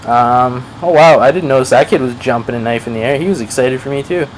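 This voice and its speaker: A man's voice: mid-range voice, fast talker, slight background noise, poor audio. A man giving casual gameplay commentary over a match, rambling, swearing freely and playing himself down. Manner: rambling, profane, self-deprecating. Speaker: gaming commentator.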